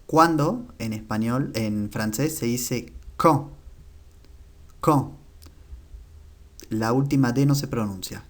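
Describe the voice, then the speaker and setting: A man with a mid-range voice gives an online language lesson. He explains things patiently and slows right down to repeat each example word with care, lifting his voice on the words he wants remembered. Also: mid-range voice. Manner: slow, careful repetition of example words. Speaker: language teacher.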